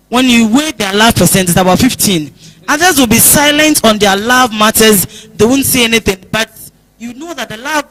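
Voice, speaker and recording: A woman's voice: fairly high pitch, fairly bright tone, low-quality recording. A woman with a Ghanaian accent, a guest on a church talk show, giving earnest advice and acting out small phone chats. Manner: earnest, advising, acts out little phone chats. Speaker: guest speaker.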